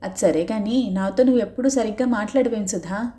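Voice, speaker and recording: A woman's voice: mid-range voice, fairly quick, warm tone, lightly acted. A woman reading the lines of a teasing, coaxing seventeen-year-old village boy in an audiobook novel.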